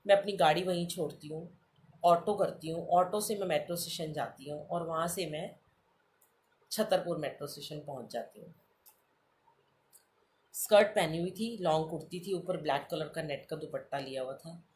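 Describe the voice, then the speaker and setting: A woman's voice: deep voice, moderate pace, a little mellow, slight background noise. A middle-aged woman sharing her own devotional testimony as a story, often calling out to the listeners and acting out the people in it. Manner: repeatedly addresses listeners as sangat ji, acts out quoted dialogue.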